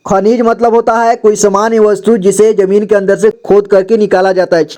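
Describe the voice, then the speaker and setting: A man's voice: sits high, flat delivery, fairly quick, mellow. A man teaching reading; he says each word twice and spells it out syllable by syllable, in a patient, explaining way. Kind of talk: slow reading lesson, word by word.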